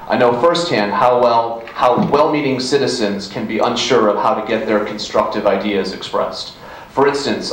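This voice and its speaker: A man running for local office reads a prepared closing statement at a public forum. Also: mid-range voice. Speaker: village board candidate. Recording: very echoey hall, faint noise.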